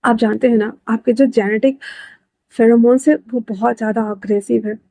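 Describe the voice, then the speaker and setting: A woman voicing a loyal male assistant who speaks softly and respectfully to his boss. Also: fairly high pitch, fairly even intonation, normal speed, no room sound, lightly acted. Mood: worried pleading. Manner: soft, respectful, hushed.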